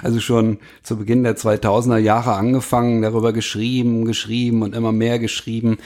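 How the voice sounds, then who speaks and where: A man's voice: medium pitch, flat delivery, a little fast, darkish tone. A man hosting a podcast, chatting enthusiastically about a book recommendation. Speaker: podcast host. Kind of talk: casual podcast talk.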